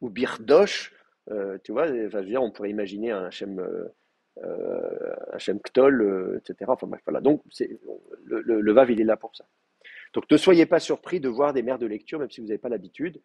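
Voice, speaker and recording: A man's voice: on the low side, big pitch swings, moderate pace, creaky, a little mellow, slightly rough. A male teacher giving a live class, explaining step by step with many fillers and checking that students follow.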